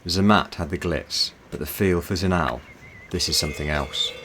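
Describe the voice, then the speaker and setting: A man's voice: low voice, moderate pace, background noise. A man delivering scripted voice-over narration for a mountaineering travel vlog.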